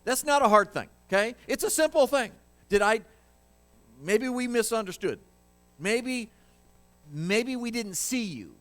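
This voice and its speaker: A preacher putting on the voice of an angry, exasperated ancient king, loud, high-pitched and scolding. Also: huge pitch swings, a little fast, hardly any pauses.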